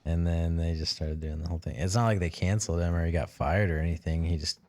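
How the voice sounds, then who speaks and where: A young man co-hosting a podcast in casual chat, blunt and quick to swear. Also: sits low, fairly even intonation, a little mellow. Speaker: podcast co-host.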